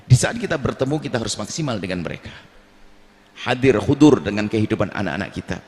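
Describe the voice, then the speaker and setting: A man preaching a sermon on family life, animated, now and then acting out quarrelling relatives in a raised voice. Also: fast. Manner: animated, acts out quarrelling family members in a high voice. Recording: long hall reverb.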